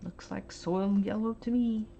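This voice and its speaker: A woman's voice: mid-range voice, fairly even intonation, creaky, dark tone. A woman chatting her way through a paint swatching demo at home, rambling and hesitant with lots of ums. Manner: rambling, hesitant, fills pauses with um and uh. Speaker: art vlogger. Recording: dull lo-fi home recording, faint hiss.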